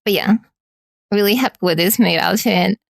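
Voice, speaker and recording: A woman streamer chats casually with her audience and teases them in a playful way. Her voice carries a gravelly fry. The sound is dry, with no room echo. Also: medium pitch, normal speed. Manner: playful, teasing.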